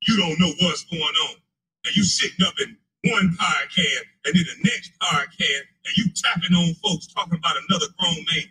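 A man's voice: a little high, moderate pace, sharp tone, poor audio. A man in his forties in a profane, mocking, taunting rant. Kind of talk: heated rant.

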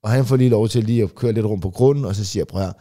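A comedian co-hosting a podcast, telling rambling family anecdotes full of fillers and restarts. He briefly acts out relatives in quick, raised voices. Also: on the low side, mellow. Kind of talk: casual chat, storytelling.

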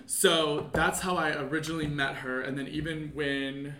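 A man's voice: a little high, level tone, normal speed, pushed and bright, echoey room. A man in his thirties from Kentucky, a podcast guest chatting casually and rambling with lots of fillers. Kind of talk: casual chat.

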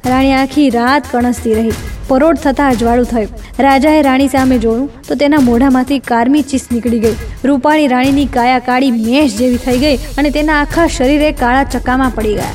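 A woman narrating a devotional folk tale in a measured, dramatic storytelling manner. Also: high voice, steady tone, a little mellow. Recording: distant mic, faint music.

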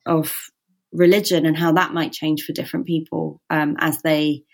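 A British-born novelist whose first language is Gujarati talks thoughtfully about her book in a conversational interview, often restarting sentences and saying "you know". Her low, creaky voice is flat and moves at a moderate pace.

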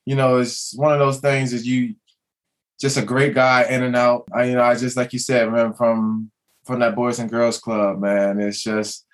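A young man from Maryland, a former basketball player, talking as a podcast guest in a halting way with many restarts and fillers. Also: mid-range voice, little pitch movement. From Maryland, USA. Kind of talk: casual podcast chat.

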